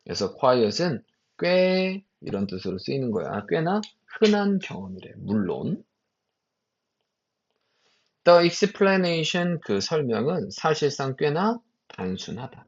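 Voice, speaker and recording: A man teaching an English exam passage as a lecture, reading English phrases slowly with stress and asking his students quick rhetorical questions. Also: a little high, big pitch swings. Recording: dull lo-fi recording.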